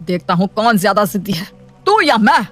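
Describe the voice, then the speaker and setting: Rich: A commanding, scolding middle-aged father from a cartoon storybook, proud of his wealth and strict with his daughter, voiced by a woman. His voice sits at an ordinary pitch, with soft music faintly underneath. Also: big pitch swings, fairly quick. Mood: stubborn. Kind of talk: animated storybook voice acting.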